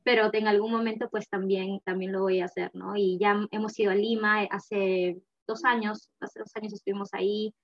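Woman, guest, chatty and warm-paced, dull lo-fi mic. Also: medium pitch, little pitch movement, moderate pace, hardly any pauses. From Peru. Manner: chatty, frequent fillers and laughter. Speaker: guest, mother. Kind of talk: casual conversation. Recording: slightly dull lo-fi recording.

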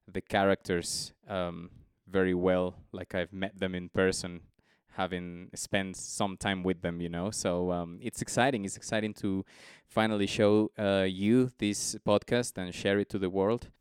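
A man's voice: low-pitched, little pitch movement, a little slow, few pauses, smooth, no room sound. A man from Ecuador introducing himself as a sound designer, upbeat and eager with some hesitation. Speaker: audio editor and sound designer. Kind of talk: casual video-call introduction. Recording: dry, close sound.

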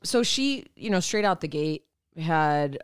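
Smooth-voiced woman explaining thoughtfully. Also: sits low, animated, unhurried, no echo, studio quality. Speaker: podcast co-host. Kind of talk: casual podcast discussion.

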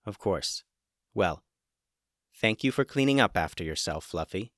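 A man's voice: low-pitched, expressive, a little slow, a bit bright, no room sound, studio quality, pitched below the performer's own voice. A man voicing a bossy young woman who captains a ship in a storybook, with firm, exasperated scolding. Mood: stern.

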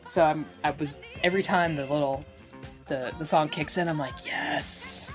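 A woman's voice: low-pitched, steady tone, moderate pace, music in the background. A woman co-hosting a podcast, talking casually with frequent laughs and fillers. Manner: chatty, laughs often, lots of fillers. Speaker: podcast co-host.

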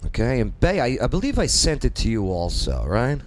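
A man's voice: medium pitch, sing-song, fairly quick, slight background noise. A man hosting a live talk show from a studio with casual, informal, punchy banter. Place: radio studio.

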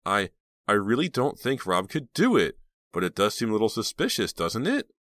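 A man's voice: fairly low pitch, wildly swooping pitch, moderate pace, a bit bright, no room sound, voice pushed up. Man playing a determined teen girl detective, urgent and insistent, dry close read. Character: earnest teenage girl sleuth, determined. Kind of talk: audiobook character voice.

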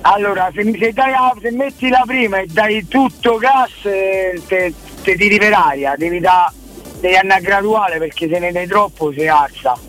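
A middle-aged man with a Roman accent calling a radio show, chatting colloquially and haltingly, repeating himself. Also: high-pitched, a bit bright, soft background music, poor audio. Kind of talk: casual chat.

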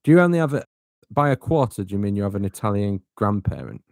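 Man, podcast host; low voice, dry close mic, chatty and teasing. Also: animated, fast talker, vocal fry, a little mellow, no room sound. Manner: chatty, hands the floor to others, teasing. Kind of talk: casual football podcast chat.

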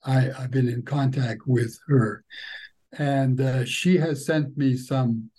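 An older man with a husky voice, recounting history haltingly, often repeating words as he searches for the next one. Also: mid-range voice, fairly even intonation, mellow. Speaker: interviewee telling family war history. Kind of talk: spoken historical recollection.

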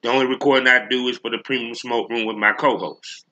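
A man with a very bright, forceful voice at a middling pitch hosts a solo show. He rants straight to his listeners in blunt, slangy language, swearing freely and leaning hard on his points. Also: fairly even intonation, fast talker, muffled recording. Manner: blunt, profane, slangy, emphatic. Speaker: podcast host.

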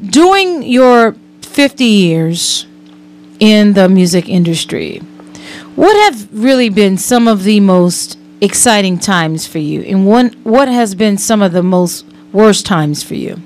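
A woman's voice: mid-range voice, animated, slow, darkish tone, a little hiss or hum. A woman hosting a radio interview, chatty and hedging as she tells a story. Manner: chatty, repeats hedging words. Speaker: radio host. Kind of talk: casual interview.

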